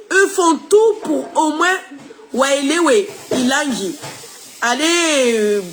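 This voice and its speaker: This woman's voice is high and a bit bright, with a little hiss or hum in the recording. A tired-sounding social media creator recovering from flu, she talks opinionatedly and casually to followers, switching between languages including Shimaore.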